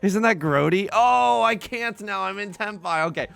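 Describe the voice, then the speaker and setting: A man's voice: high-pitched, animated, moderate pace, gravelly, a bit bright, clean tone. A man hosting his own let's play, talking through a tile game in a rambling, self-mocking stream of consciousness into a desk microphone. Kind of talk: casual gameplay commentary.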